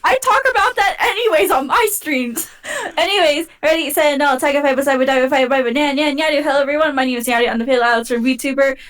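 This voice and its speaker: A woman with a high-pitched voice co-hosts a podcast as a VTuber. She sounds a little sleepy as she chats casually. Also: fast, a bit bright. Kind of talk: casual chat.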